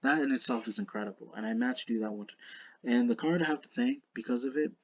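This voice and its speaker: Lisping man in halting, earnest gamer commentary. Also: mid-range voice, darkish tone, no echo, muffled recording. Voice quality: lisp with slushy s sounds. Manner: halting, repeats and restarts words, earnest. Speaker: video creator narrating a card game duel. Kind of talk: unscripted casual commentary to viewers.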